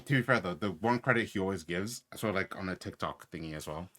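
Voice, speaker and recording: A man's voice: low voice, fast, a bit bright. A man co-hosting a podcast in a casual football debate, slangy and argumentative, swearing casually. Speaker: podcast co-host.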